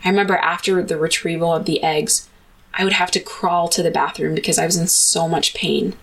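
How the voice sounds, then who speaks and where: A woman's voice: on the low side, steady tone, fairly quick, a bit bright, low-quality recording. A woman podcast host telling her own personal story in an earnest, confessional monologue.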